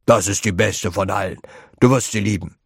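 A man voicing an old grandfather in a storybook, loud and emphatic. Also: fairly low pitch, fairly even intonation, moderate pace, gravelly, husky, dry recording, studio quality. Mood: hearty.

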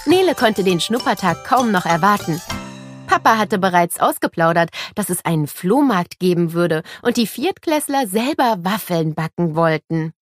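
Brief: woman narrator, children's audiobook, animated delivery, faint music bed. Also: fairly low pitch, normal speed, no room sound. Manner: lively, expressive storytelling. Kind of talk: scripted children's story narration.

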